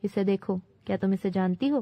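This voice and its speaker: A woman's voice: medium pitch, warm tone, no echo, close to an everyday voice. A woman voicing a scheming nobleman whose words drip venom and who barks orders at servants. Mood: cold. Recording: dull dry recording.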